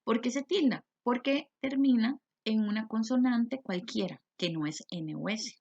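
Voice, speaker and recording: A woman's voice: fairly high pitch, unhurried, creaky, darkish tone. A Costa Rican woman teaching a recorded grammar lesson, explaining step by step and asking and answering her own questions. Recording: dull lo-fi recording.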